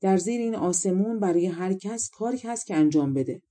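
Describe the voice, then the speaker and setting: A stern storybook giant lectures about work and idleness, as a woman narrator plays him. His voice is dark and mellow. He talks with a firm, lecturing tone. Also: medium pitch, expressive, natural voice. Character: stern male giant who puts idlers to work.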